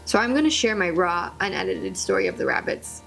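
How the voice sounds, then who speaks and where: A woman vlogger telling a personal story in an expressive, wry way with comic asides. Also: lowish voice, fairly quick, vocal fry, soft background music. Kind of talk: storytelling narration.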